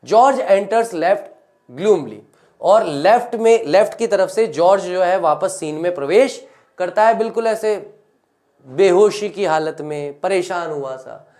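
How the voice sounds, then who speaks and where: A woman's voice: fairly low pitch, animated, darkish tone. A woman, teaching English by reading a play's stage directions aloud and explaining each line in Hindi. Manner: reads English lines slowly, then paraphrases them in Hindi.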